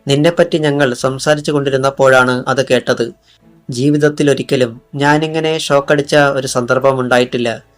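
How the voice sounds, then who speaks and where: A man's voice: medium pitch, steady tone, normal speed, soft background music, lightly acted. A man reading the part of an emotional older man near tears, in an audiobook. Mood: shaken.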